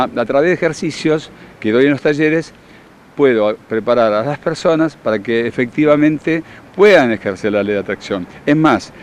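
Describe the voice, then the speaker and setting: Un hombre con acento argentino que da talleres y explica con tono seguro, didáctico y enfático. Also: male voice, mid-range voice, a little hiss or hum. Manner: confident, instructive, emphatic. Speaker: workshop leader and therapist. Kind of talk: explanatory interview answers.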